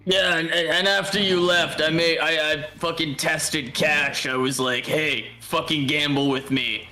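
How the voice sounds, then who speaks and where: A man's voice: a little high, steady tone, a little slow, pushed and bright, soft background music. A man role-playing his character in a tabletop game, rambling and swearing casually.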